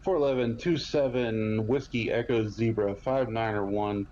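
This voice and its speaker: A man playing a police dispatcher over the radio, reading out codes and plates in clipped, measured phrases. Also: fairly low pitch, darkish tone, lo-fi sound, slight background noise. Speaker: police dispatcher in a roleplay game.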